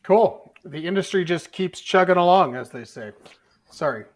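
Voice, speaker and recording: A man's voice: sits high, expressive, normal speed, a crowd in the background. A man hosting a podcast in a jokey, self-deprecating, upbeat way. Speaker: podcast host.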